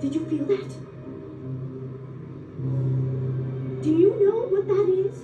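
A woman voicing a haughty, scheming teenage villainess in an animated film, theatrical and disdainful. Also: very high-pitched, a little fast, recorded from a distance, muffled recording, loud music behind the voice. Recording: echoey TV playback filmed from afar.

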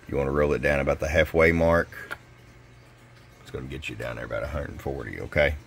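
A man hosting his radio shop's video, casually walking a customer through a tuned-up radio in a folksy, relaxed way. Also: very deep voice, fairly quick, gravelly, slight background noise. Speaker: radio shop host. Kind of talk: casual product demonstration. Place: radio workbench in a shop.

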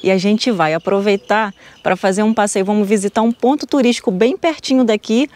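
A woman's voice: medium pitch, a little fast, darkish tone. A woman with a Brazilian Portuguese accent, chatting casually as a travel vlogger on a road trip and teasing her husband. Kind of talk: casual travel vlog narration. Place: on a road trip, in and around a car.

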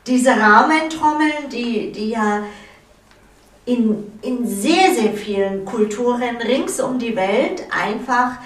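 A middle-aged woman hosting a calm spiritual talk show, speaking gently with many pauses. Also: on the high side. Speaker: host. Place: living-room studio with wall hangings. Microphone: far camera. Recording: roomy sound from a distant mic.

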